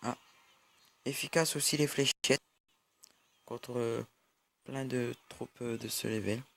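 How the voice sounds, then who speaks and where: A man's voice: medium pitch, steady tone, slow pace, gravelly, fairly bright tone. A young man giving casual mobile-game commentary over a recording of his screen, hesitant and full of fillers. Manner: hesitant, many fillers and restarts. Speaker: gaming YouTuber.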